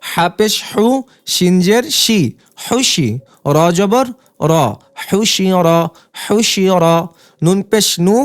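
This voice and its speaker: Patient teacher drilling syllables slowly. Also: mid-range voice. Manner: slow, patient drilling with many repetitions. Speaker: Quran reading teacher. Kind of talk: recorded lesson, spelling out syllables.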